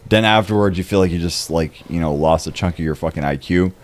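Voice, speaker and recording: A man's voice: deep voice, quick pace. A man chatting casually on a podcast, crude and joking with heavy swearing. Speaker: podcast co-host. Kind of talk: casual chat.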